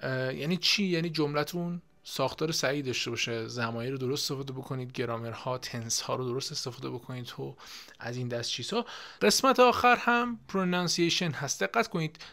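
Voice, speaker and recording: A young man from Iran teaching an exam-prep lesson in a casual, explanatory way, often pausing with fillers. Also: medium pitch, creaky, sharp tone. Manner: explanatory, with frequent filler pauses. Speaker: IELTS teacher.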